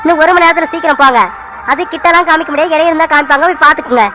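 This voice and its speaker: A woman voicing a young male hospital messenger in a cartoon who speaks in a matter-of-fact, hurried way. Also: high-pitched, fairly even intonation, close to an everyday voice, rough recording.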